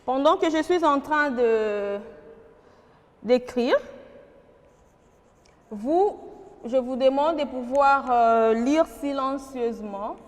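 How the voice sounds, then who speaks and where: A woman's voice: high-pitched, slow, long pauses, in a large hall. A woman with a Congolese French accent teaching a primary school grammar lesson, patient and questioning, repeating key words for the class.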